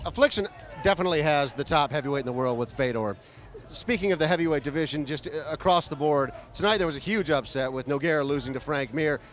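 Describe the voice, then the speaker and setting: A man's voice: fairly high pitch, quick pace, a bit bright, faint music behind. A man conducting a casual sports interview as the interviewer, recorded outdoors. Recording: clear outdoor background noise.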